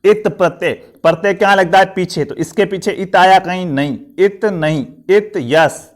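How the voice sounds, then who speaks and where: A man's voice: high voice, moderate pace. A man teaching a live online grammar class. He keeps asking questions and answering them himself, and he encourages the students.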